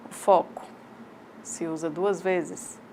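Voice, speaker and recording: A woman with a Brazilian accent voicing a sign language teacher's lecture aloud, in measured, halting short phrases. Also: on the low side, steady tone, dark tone, slight background noise. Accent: Brazilian Portuguese. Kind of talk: voiced interpretation of a lecture.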